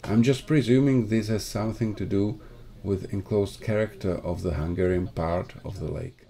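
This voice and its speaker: A man narrating a sailing trip in a steady, plain voice-over. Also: on the low side, normal speed, vocal fry. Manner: plain, steady, slightly non-native phrasing.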